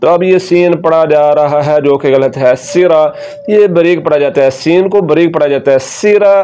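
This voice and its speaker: A man teaching Quran recitation rules, reciting each word slowly and repeatedly before explaining it in a quick, instructive way. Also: a little high, mellow, slight background noise. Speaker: tajweed teacher.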